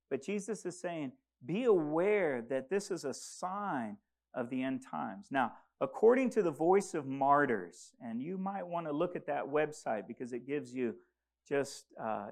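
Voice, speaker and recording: A man who grew up in Congo preaching a sermon, earnest and rising to urgent emphasis. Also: a little high. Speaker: pastor.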